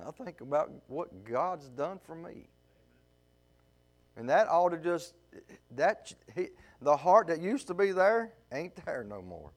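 A man preaching a sermon with deep feeling, drawing out words of scripture and speaking in plain folksy grammar. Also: sing-song. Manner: emotional, fervent preaching with Southern folk grammar; slow, drawn-out emphasis on scripture words.

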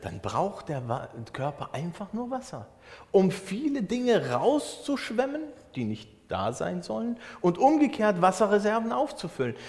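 A German pastor preaching in a conversational way, explaining a Bible verse with everyday examples. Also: male voice, high-pitched, wildly swooping pitch, a little slow, a little mellow. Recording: long hall reverb.

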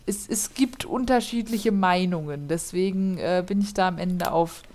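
A woman co-hosts a casual podcast, narrating a true crime case in a chatty way, laughing often and using lots of fillers. Her voice is lowish and a little mellow, at normal speed.

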